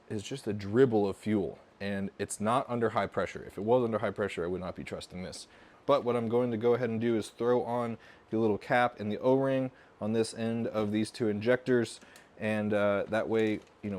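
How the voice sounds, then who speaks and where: A man's voice: mid-range voice, darkish tone. A man hosting a casual car repair vlog, chatty and upbeat, talking straight to his viewers. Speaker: car channel host.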